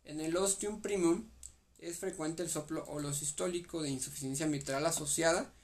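Reading guideline text aloud and then rephrasing it with slang, a young Mexican-accented man helps a partner prepare for a medical exam. His voice is slightly high, fairly even in intonation, at normal speed.

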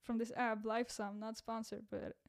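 A woman's voice: fairly high pitch, little pitch movement, moderate pace. Chatty young-sounding woman podcaster, cracky voice. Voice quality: voice cracks, a bit rough. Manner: rambling, self-deprecating, laughs at own jokes. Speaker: podcast host and content creator. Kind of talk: casual solo podcast chat.

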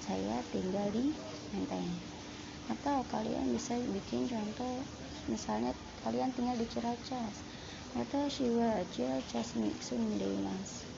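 A woman's voice: on the high side, a little slow, gravelly. A woman teaching a Japanese lesson online, patiently repeating and rephrasing with frequent fillers. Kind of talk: online lesson explaining sentence patterns. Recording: lo-fi with steady background noise.

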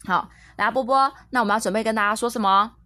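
A mother who teaches French, gently coaxing her young daughter through a casual lesson and slowly repeating each word, mixing in English phrases. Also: on the high side, no echo, studio quality. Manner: patient, coaxing, repeats words slowly and clearly; switches between Chinese, French and English.

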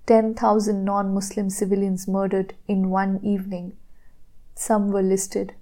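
A woman podcast host reading a poem aloud in a slow, measured way, now and then dropping to a whisper. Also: mid-range voice, mellow.

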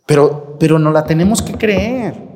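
A Mexican priest gives a folksy, emphatic sermon and talks straight to the people listening. His voice sits a little high for a man, and the church around him adds a long echo. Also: lively intonation, measured pace, darkish tone. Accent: Mexican Spanish. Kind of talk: sermon during live-streamed mass. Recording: reverberant church.

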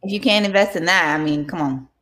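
A woman's voice: fairly low pitch, fast, fairly bright tone. Teasing woman guest on a podcast. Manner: teasing, joking banter. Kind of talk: casual podcast chat.

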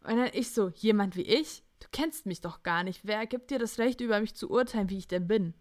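A woman's voice: mid-range voice, a little fast, dry recording, clean studio sound. Young woman telling a dating story. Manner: animated storytelling, quoting texts in chats. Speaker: podcast host. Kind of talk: casual podcast chat.

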